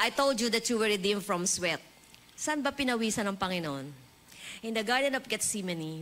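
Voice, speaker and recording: A woman preacher with a Filipino accent giving a lively sermon in a church, mixing English and Filipino and leading the congregation in prayer. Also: on the low side. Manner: animated, leads the congregation in call-and-response prayer. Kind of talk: bilingual sermon. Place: church hall.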